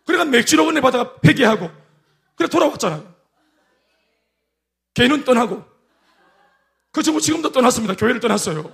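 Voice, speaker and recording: A male pastor with a Gyeongsang accent preaching a sermon, telling animated stories and acting out the quotes. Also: extremely high pitch, a little fast, creaky, pauses often. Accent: Gyeongsang dialect. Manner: animated storytelling with acted-out quotes.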